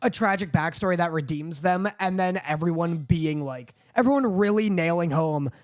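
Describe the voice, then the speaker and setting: A man co-hosting a podcast, excitable in casual chat, laughing often and swearing. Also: fairly high pitch, moderate pace. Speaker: podcast co-host.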